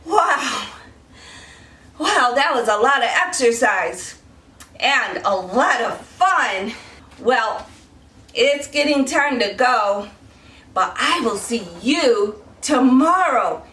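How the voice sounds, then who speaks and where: A woman teaching a children's singing lesson in a slow, encouraging, sing-song way. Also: a little high, lively intonation, fairly bright tone. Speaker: preschool teacher. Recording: roomy, distant mic, faint noise.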